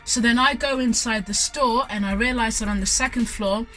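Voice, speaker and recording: A woman's voice: on the high side, moderate pace, a bit bright, soft background music, low-quality recording. A young woman from Zimbabwe, telling stories in an enthusiastic, gushing vlog chat full of fillers. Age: young adult. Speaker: student vlogger. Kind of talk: casual vlog storytelling.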